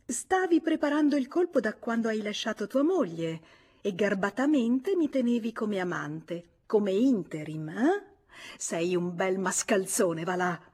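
A woman voicing a furious, indignant jilted lover who shouts her accusations in a radio audiobook reading. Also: medium pitch, sing-song, a little slow, slightly rough. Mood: furious, accusing.

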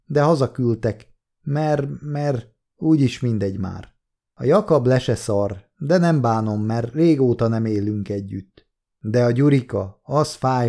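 Man doing a raspy dying old woman. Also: medium pitch, dark tone, close to an everyday voice. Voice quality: raspy, smoke-roughened. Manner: blunt, weary, coarse talk. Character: dying older woman, smoky raspy voice, blunt.

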